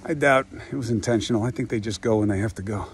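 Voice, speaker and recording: This fiftysomething podcast host delivers a musing, reflective monologue while walking outdoors, asking rhetorical questions as he goes. His fairly low voice comes quickly, with a little hiss or hum in the audio.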